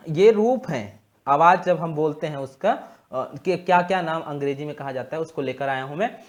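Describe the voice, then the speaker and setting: A young man giving a lecture to exam students, explaining slowly, repeating key terms and pausing often as he goes. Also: a little high. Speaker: exam prep teacher.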